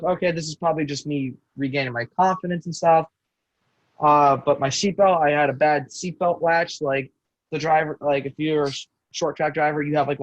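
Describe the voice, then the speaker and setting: A young race driver, his voice on the high side, tells his story as a guest on a casual podcast. He halts often, stumbling, restarting sentences and correcting himself, over dull lo-fi call audio with no room sound.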